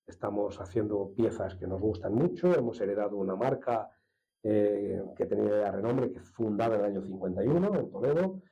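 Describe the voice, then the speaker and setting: A man from La Mancha speaks as an interview guest, explaining his craft at an easy pace and pausing to restart his sentences. His voice is mellow and fairly low. The recording sounds dull and lo-fi. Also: animated. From La Mancha, Spain. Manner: unhurried, explanatory, with hesitations and restarts. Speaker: master swordsmith guest. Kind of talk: conversational interview.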